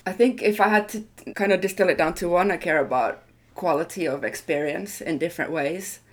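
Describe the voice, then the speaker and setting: In an interview, a woman speaking as a design leader talks briskly in a lowish voice. She is reflective and thoughtful, hedging and carefully qualifying her own statements.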